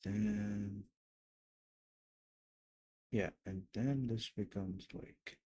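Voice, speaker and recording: A man's voice: on the low side, drawn-out words, dark tone, poor audio. A young man mumbling to himself as he talks through building a 3D model on a stream. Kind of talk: casual thinking aloud while modeling.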